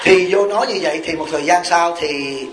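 A man's voice: fairly high pitch, fairly quick, slight background noise. A man, a Buddhist monk with a Southern Vietnamese accent, giving a sermon in a folksy storytelling way, with rhetorical questions and acted-out quotes. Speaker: Buddhist monk and abbot giving a dharma talk. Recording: echoey hall recording.

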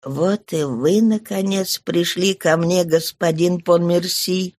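Jean Valjean, a woman voicing a quiet old man. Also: lowish voice, fairly even intonation, no echo. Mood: subdued. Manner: quiet, slow, subdued. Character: frail elderly man, humble and self-effacing. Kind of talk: audiobook reading.

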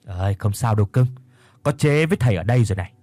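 A man voicing a kind young woman who coaxes a crying child gently. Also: on the low side, expressive, fast, no echo, soft background music, pitched below the performer's own voice. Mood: coaxing. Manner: gentle, coaxing.

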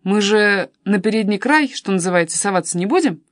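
A woman's voice: mid-range voice, animated, a little fast, dry recording, clean studio sound, close to an everyday voice. A woman reading a pushy, coaxing cousin. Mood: persuasive. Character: pushy young adult man, the narrator's cousin. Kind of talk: audiobook reading.

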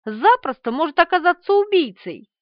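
A woman's voice: very high voice, big pitch swings, moderate pace, dry recording, voice pushed up. A woman voicing a haughty, emphatic young woman in an audiobook. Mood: indignant. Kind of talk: audiobook character voice. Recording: slightly dull, dry.

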